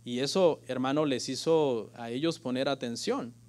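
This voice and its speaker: A middle-aged man, preaching a lively sermon in church and joking with the congregation. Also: medium pitch, normal speed. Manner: lively preaching, addressing listeners as "hermano"; jokes with the congregation. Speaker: pastor.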